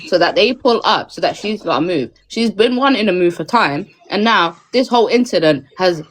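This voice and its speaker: A woman's voice: medium pitch, expressive, moderate pace, slight background noise, rough recording. A woman in a live online group argument, explaining and pushing back in slangy speech.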